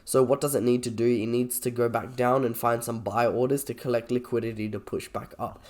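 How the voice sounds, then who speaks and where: A man with a croaky, slightly sick voice, talking informally and a little hesitantly as he reviews trades on a screen recording. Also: medium pitch, flat delivery, brisk, darkish tone. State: sick with a cold or cough. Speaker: trader presenting a video.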